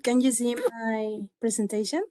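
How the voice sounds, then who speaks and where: A woman with a Mexican accent, a native Spanish speaker, giving an academic presentation haltingly, often pausing mid-sentence. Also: fairly high pitch, fairly even intonation, mellow, no echo. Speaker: conference presenter, medical researcher.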